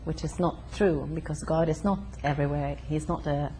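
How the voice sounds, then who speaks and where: Young Swedish-born woman, low, warm voice, halting with fillers, faint hiss. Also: steady tone, low-quality recording. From Sweden. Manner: hesitant, many fillers and pauses. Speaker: interviewee. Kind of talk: casual conversation. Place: her home.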